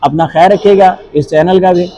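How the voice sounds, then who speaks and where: High-voiced man teaching English grammar. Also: fairly even intonation, moderate pace, dark tone, lo-fi sound. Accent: Punjabi-influenced Urdu. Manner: explains in Urdu, mixing in English phrases; asks rhetorical questions. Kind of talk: spoken grammar lesson.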